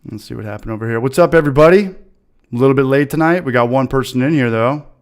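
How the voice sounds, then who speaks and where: A man's voice: mid-range voice, fast talker, clear, resonant tone. A man hosting a casual live stream, upbeat and greeting viewers by name. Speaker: livestream host.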